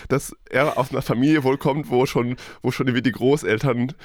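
A man with a medium-pitched voice talks as a podcast co-host. He tells stories in a relaxed conversational style, and the recording is dry with very little room sound. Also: fairly quick, no room sound. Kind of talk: casual conversational storytelling.

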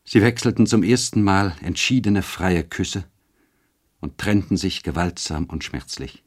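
Deep-voiced male audiobook narrator. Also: a little slow. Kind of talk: classic literary narration.

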